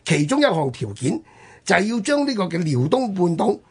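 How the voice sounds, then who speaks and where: This very husky-voiced man from Hong Kong, speaking with a Cantonese accent, sits high in pitch and tells history stories in an animated, conversational style as a radio host. He leans on his points emphatically and draws out the particles that end his phrases.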